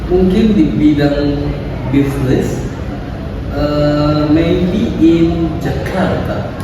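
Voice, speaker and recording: A foreigner speaking Indonesian, this man has a high-pitched voice and an extremely slow, halting delivery. He reads like a language student, one word at a time. The sound is distant and swamped in hall echo. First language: not Indonesian, a foreign learner. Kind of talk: reading a short prepared text aloud in class. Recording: echoey hall, distant mic, noisy.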